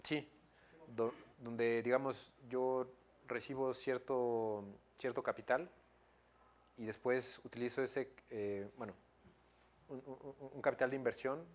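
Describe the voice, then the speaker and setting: A man in his thirties with a Mexican Spanish accent delivers an academic lecture at a middling pitch. He talks in a hesitant, conversational way, full of fillers and self-corrections, and often checks in with his listeners through tag questions. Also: fairly even intonation, slow.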